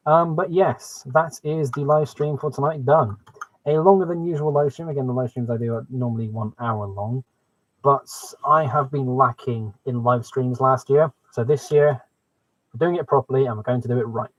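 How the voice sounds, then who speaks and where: A man's voice: mid-range voice, moderate pace, no room sound. Man live streaming through a muffled microphone. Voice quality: muffled sound. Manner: enthusiastic, exclaiming. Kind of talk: casual chatty live stream about a building hobby. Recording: muffled microphone, dry close sound.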